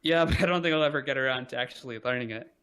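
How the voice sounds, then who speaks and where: A young man's clear, resonant mid-range voice comes through very fast as he chats casually as a podcast guest. Relaxed and rambling, he uses "like" constantly and often puts himself down in jest.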